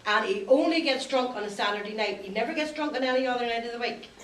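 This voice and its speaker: A woman's voice: fairly high pitch, quick pace, echoey room, natural voice. Woman as a doting mum on the witness stand, folksy and protesting, comic sketch, distant mic with faint noise. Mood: fond, indignant. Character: indignant, doting working-class mother as defence witness. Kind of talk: comic improvised courtroom sketch.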